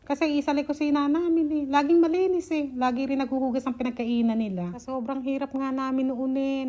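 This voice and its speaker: Woman, young adult, high-pitched, casual storytelling, chatty, laughs often. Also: a little mellow. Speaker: vlogger.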